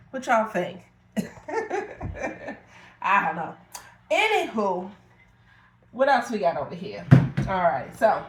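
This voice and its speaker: A woman's voice: mid-range voice, slight background noise. A middle-aged woman running a live auction as a reseller, chatting playfully and talking straight to her viewers. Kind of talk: casual live-selling chat. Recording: echoey room.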